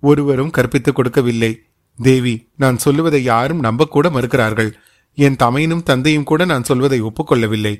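A man's voice: mid-range voice, moderate pace, close to an everyday voice. Guy doing a distressed young noblewoman, pleading, guilty.

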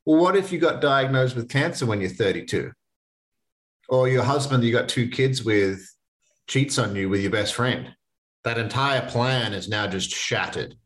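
At a moderate pace, a medium-pitched, slightly bright-voiced man in his late twenties hosts his own motivational podcast. The talk is casual, earnest, and conversational, with a few restarts.

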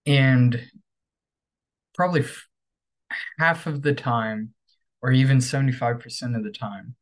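A man explains grammar in an easygoing, unhurried way, stretching out his words. He leans on fillers and keeps checking in with "right?". His voice sits at an ordinary middle pitch. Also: poor audio. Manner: relaxed, filler-heavy, frequent "right?". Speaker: English teacher, podcast host. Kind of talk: casual podcast lesson. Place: home bedroom workstation.

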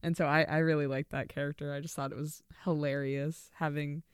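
A man's voice: on the high side, level tone, fairly quick, clear, resonant tone, no room sound, studio quality. A man co-hosting a podcast, chatting enthusiastically about a film and giggling often. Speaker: podcast co-host. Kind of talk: casual film discussion.

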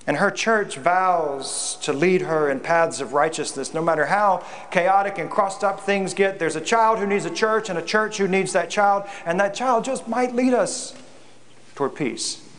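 A man's voice: sits high, unhurried, fairly bright tone. A man, a pastor, preaching a reflective sermon in a church, often repeating words as he goes.

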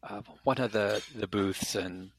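A man narrating a tabletop game as a player, halting, with many fillers and restarts. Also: on the low side, slightly rough.

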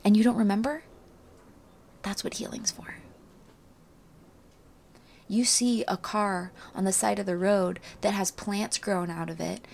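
A woman giving an earnest, informal spiritual pep talk straight to listeners, breathy and often near a whisper, like a soothing healer. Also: mid-range voice, steady tone, normal speed, hardly any pauses, a little mellow. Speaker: podcast host and spiritual coach.

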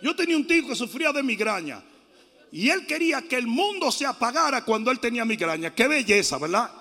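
A man preaching in a high, bright, gravelly voice that keeps breaking into shouts. His delivery swings widely in pitch and rings out with long hall reverb behind him. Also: big pitch swings, brisk. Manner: shouts often and acts out voices. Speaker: bishop preaching. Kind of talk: loud animated sermon.

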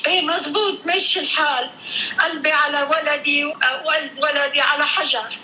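Sharp, high-voiced Lebanese mother. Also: steady tone, moderate pace, slight background noise, rough recording. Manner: motherly, explanatory, uses endearments and proverbs. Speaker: mother on a call with her grown daughter. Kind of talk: casual family phone chat.

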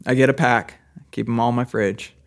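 A man's voice: medium pitch, fairly even intonation, a little fast. Dry, teasing man co-hosting a podcast. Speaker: podcast co-host. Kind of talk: casual podcast banter.

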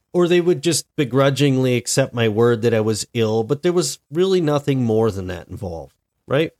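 Congested from a cold-like illness, a married adult man delivers a solo podcast monologue as host, speaking in a deliberate, reflective way with frequent restarts. His pitch is medium.

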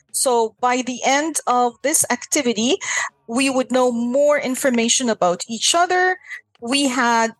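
A woman teacher, a podcast guest from Egypt, explaining a classroom warm-up activity in a measured way with frequent fillers and restarts. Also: high-pitched, no room sound, rough recording.

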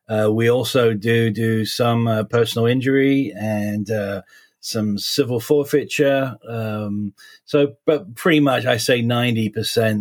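A man in his forties with a slight Essex English accent softened by American years, chatting casually as an interview guest in halting, repetitive phrasing. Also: mid-range voice. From suburbs of London, England (Essex), then Florida from age 12. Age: 40s. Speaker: guest, criminal defense lawyer.

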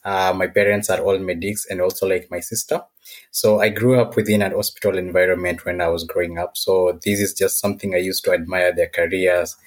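A Kenyan man with a very low voice and a flat, steady intonation. He answers interview questions casually, with a slightly hesitant delivery and a Kenyan accent. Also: fairly quick. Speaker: podcast guest, technology professional.

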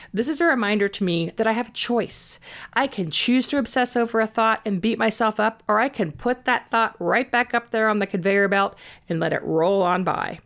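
Female self-help host, mid-pitched, upbeat and tidy, delivering scripted practical tips with emphasis on key words. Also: creaky. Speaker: host giving self-help advice on anxiety and mindfulness. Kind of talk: scripted advice narration, tips addressed to the listener.

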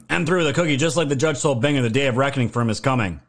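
A man hosting a political livestream, ranting sarcastically and swearing, with a voice going hoarse. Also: mid-range voice, fast talker. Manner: sarcastic, swears, animated outbursts. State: losing his voice. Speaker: livestream host.

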